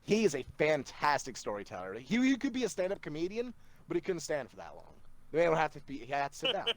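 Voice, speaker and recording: A man, a podcast guest, telling funny stories in an animated, laughing way over a remote call. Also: a little high, fast. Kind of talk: casual storytelling.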